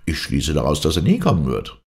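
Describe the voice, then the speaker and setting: A blunt, sceptical ship's officer, voiced by a male audiobook reader, speaks in a dismissive way. The voice is deep and gravelly, with lively swings of pitch. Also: fairly quick, heavily acted.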